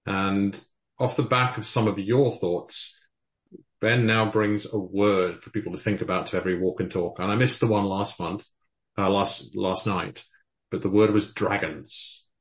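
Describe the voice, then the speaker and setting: A man's voice: fairly low pitch, steady tone, a little slow. A man hosting a live podcast, talking in a hesitant way with many ums and restarts. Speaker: podcast host. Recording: roomy echo.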